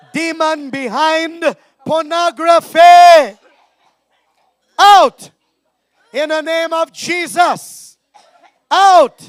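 A man preacher shouting deliverance prayers, commanding spirits out in slow, repeated chant-like phrases. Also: very high voice, no room sound.

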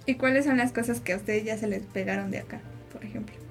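A woman's voice: a little high, fast talker, faint music behind. A young woman hosting a casual chat, curious and prompting her guests with questions. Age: young adult. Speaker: host.

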